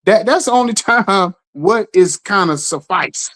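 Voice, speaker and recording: A man co-hosting a casual talk show, telling stories with lively acted-out quotes and a steady "you know what I'm saying.". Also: measured pace. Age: adult parent. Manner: animated storytelling, acts out quotes with jumps in pitch. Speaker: podcast co-host. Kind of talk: casual chat.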